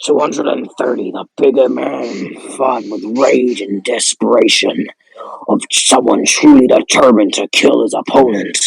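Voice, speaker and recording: Gravelly man telling a playful spooky story. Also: medium pitch, very animated, unhurried, no echo, poor audio. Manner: sweary, irreverent. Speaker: host reading a spooky story. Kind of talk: scripted horror narration broken by casual joking asides.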